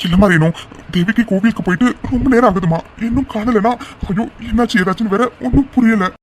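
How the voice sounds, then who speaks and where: A man's voice: high voice, fast, slight background noise, lightly acted. A man voicing a worried cartoon father. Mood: anxious. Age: middle-aged. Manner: anxious, pleading, repeats words. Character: worried middle-aged father, stubborn and blunt. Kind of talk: cartoon drama voice acting.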